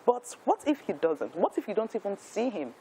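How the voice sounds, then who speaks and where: A woman's voice: medium pitch, very animated, normal speed, dark tone, a little hiss or hum, low-quality recording. A Nigerian woman in her fifties, a talk show guest telling her life story in an earnest, emphatic way, with frequent restarts. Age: 50s.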